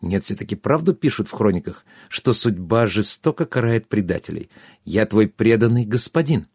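A proud young nobleman, as a man plays him, lecturing in a stern, haughty tone. The voice is dark and mellow, and the read is dry and close. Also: fairly low pitch, expressive, normal speed, breathy edge, dry recording.

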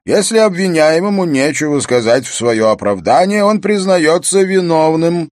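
A man reading an audiobook, voicing a fussy, insistent male royal chamberlain whose formal talk rises to shrill protest. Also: sing-song, moderate pace, a little mellow, dry recording, clean studio sound.

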